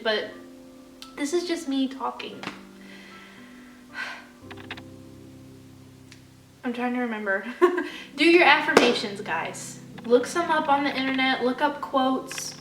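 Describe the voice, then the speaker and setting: A woman in her twenties talking earnestly to camera, encouraging viewers and swearing casually in unedited vlog talk. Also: a little high. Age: 20s. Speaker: vlogger. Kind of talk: unscripted heartfelt talk to camera. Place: home room with her dogs. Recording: echoey room, distant mic, loud music behind.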